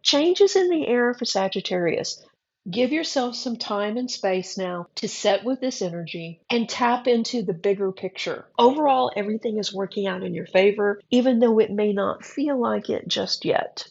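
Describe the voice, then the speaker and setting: A woman's voice: mid-range voice, lively intonation, moderate pace, creaky, a little mellow, highs cut off. A woman reading a horoscope forecast, chatty and encouraging with a wry edge. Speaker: astrology reader.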